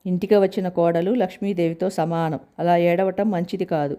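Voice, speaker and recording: A woman's voice: on the low side, fairly even intonation, moderate pace, warm tone, lightly acted. A woman voicing a stern older mother. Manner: firm, commanding.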